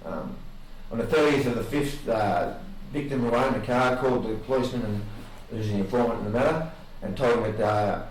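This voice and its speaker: An Australian man questioning someone as a police interviewer, formal in content but halting and informal in delivery. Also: on the low side, darkish tone. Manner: halting, informal, loses his place. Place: indoor interview room. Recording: echoey, distant mic, faint noise.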